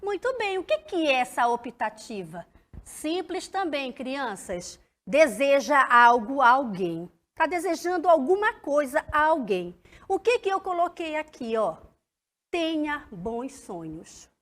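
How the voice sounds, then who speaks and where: Woman, primary teacher, high voice, lively sing-song delivery, recorded children's lesson. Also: measured pace. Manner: animated, sing-song, addressing children directly.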